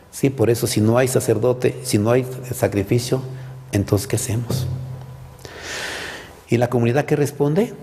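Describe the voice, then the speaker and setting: A priest with a Mexican Spanish accent, explaining the Mass in a reflective teaching manner and often pausing to ask "¿verdad?". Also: male voice, lowish voice. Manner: reflective, with frequent "¿verdad?" and halting repetitions. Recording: hall reverb with faint music behind.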